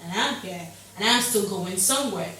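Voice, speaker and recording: A woman's voice: medium pitch, moderate pace, a little hiss or hum. A young woman from Nigeria, an interview guest, talking casually with energy and emphatic repetition in a studio. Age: young adult. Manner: energetic, emphatic, repeats phrases for effect. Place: studio set with sofa. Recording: very echoey studio, heard from a distance.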